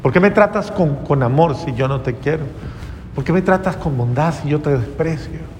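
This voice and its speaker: A man voicing an angry, scornful man in pain, with high, harsh outbursts. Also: animated, moderate pace, a little mellow, long reverb tail, a little hiss or hum, lightly acted. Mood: bewildered.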